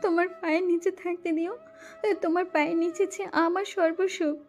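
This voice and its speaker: A woman's voice: high-pitched, steady tone, normal speed, darkish tone, soft background music. A woman voicing a desperate young wife who pleads and stammers through tears in an audio story drama. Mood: pleading.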